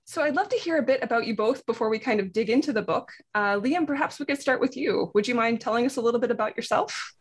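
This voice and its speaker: A woman with a husky voice, interviewing guests conversationally and encouragingly as a podcast host. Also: fairly high pitch, fast talker, few pauses.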